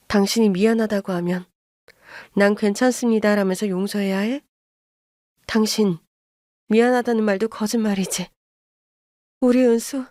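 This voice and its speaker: A woman's voice: medium pitch, darkish tone, no echo, clean studio sound, close to an everyday voice. A woman voicing a middle-aged mother who speaks coldly and bursts into anger. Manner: cold, then furious outbursts.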